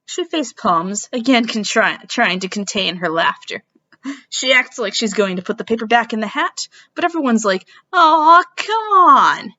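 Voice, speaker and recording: A woman's voice: medium pitch, expressive, normal speed, sharp tone, no echo, highs cut off. A woman doing an informal, theatrical dramatic reading of a story as narrator, dropping in asides.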